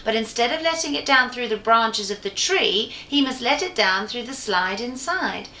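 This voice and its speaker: A woman's voice: on the high side, animated, moderate pace, sharp tone. A woman voicing a sensible young boy who speaks earnestly in a storybook reading, in an echoey room.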